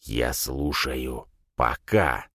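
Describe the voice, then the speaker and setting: A man voicing a hot-tempered lizard-mutant count who hisses his words slowly and angrily in an audiobook. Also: extremely low pitch, a bit bright, pitched below the performer's own voice, heavily acted. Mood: angry. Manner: slow, hissing, angry.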